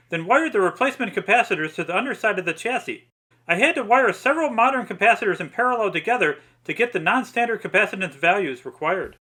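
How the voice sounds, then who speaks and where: The high-voiced man narrating this radio restoration video sounds bright and forceful. His scripted narration moves step by step with precise, methodical wording.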